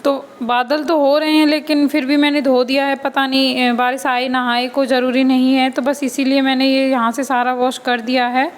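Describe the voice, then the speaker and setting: A woman's voice: high-pitched, little pitch movement, normal speed, hardly any pauses, poor audio. A young woman casually chatting to viewers as a vlogging mother, explaining her housework around the house and courtyard. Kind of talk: casual home vlog chat.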